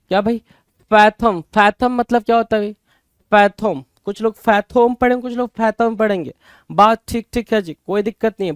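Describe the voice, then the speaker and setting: A man's voice: high-pitched, smooth, no echo, studio quality. A man teaching English vocabulary for exams in a mix of Hindi and English, repeating each word and asking his students rhetorical questions. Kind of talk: Hindi-English exam prep lecture.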